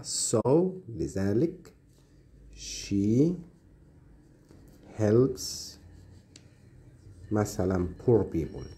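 A man with an Egyptian Arabic accent and a lowish, mellow voice teaches short English lessons. He says English words slowly, one at a time, and explains them in quick Arabic asides.

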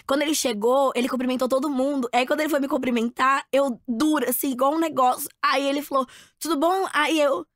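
A Brazilian woman chatting as a podcast guest, telling an animated story and acting out what people said. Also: high-pitched, fast, hardly any pauses, dry recording, studio quality. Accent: Brazilian Portuguese. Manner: animated storyteller, acts out quotes. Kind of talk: casual chat.

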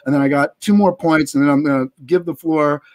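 A man's voice: fairly high pitch, steady tone, a little fast. A man in his thirties hosting a live business interview show over a video call.

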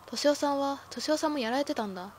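A woman's voice: high voice, fast, slight background noise, voice pushed up, lightly acted. A woman reading aloud the lines of a tense, protective young man in a video game, insisting urgently.

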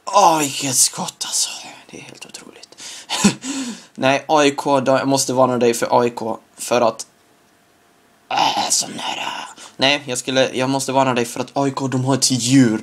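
An excitable man giving loose, chatty commentary over his own gameplay. His voice sits at an ordinary middle pitch, but it shoots up into squeals and shouts whenever something big happens, and he often laughs at his own jokes. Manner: excitable, bursts into high-pitched yelps and shouts at big moments. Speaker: gaming video creator.

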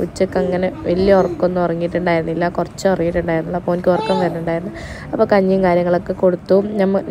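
A woman's voice: lowish voice, background noise. A young woman casually narrating her day as a mother of two small boys, chatty and full of hesitation sounds. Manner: chatty, tags sentences with "you know", frequent hesitation sounds.

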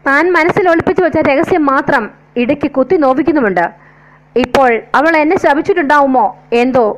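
A woman narrating a scripted story in a measured, wistful way. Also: sits high, slight background noise, rough recording.

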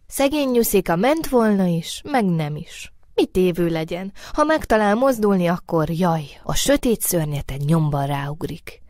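A woman narrating a children's storybook in a gentle, expressive way, letting phrase ends drop soft. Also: fairly low pitch, few pauses. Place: recording studio.

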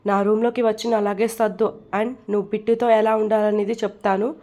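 A woman's voice: medium pitch, flat delivery, a little fast, lightly acted. A woman doing a curt, bossy young man. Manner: curt, commanding, shouts. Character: angry young man, bossy son and father.

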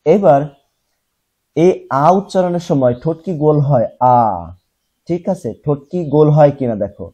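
A young man teaching a class, who explains step by step, asks questions and answers them himself, and repeats sounds slowly to show how they are said. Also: fairly high pitch, dark tone, slightly rough. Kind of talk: classroom lesson.

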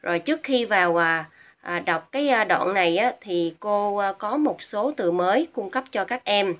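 Speaking at a moderate pace in an animated, middle-pitched voice, a female teacher with a Vietnamese accent walks students through English words in a recorded vocabulary lesson. She is patient and methodical, drilling pronunciation by repeating each word twice, with small hesitant fillers. The recording sounds dull and lo-fi.

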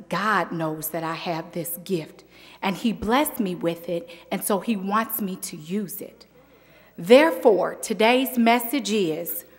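A woman giving a sermon as the youth Sunday speaker, talking in a slow, deliberate preaching manner. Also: medium pitch, a bit bright, big-room sound. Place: church.

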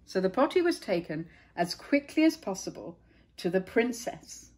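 A woman's voice: medium pitch, very animated. A middle-aged woman reading a children's picture book aloud and chatting about the pictures between pages. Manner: gentle, chatty, pauses to point out pictures.

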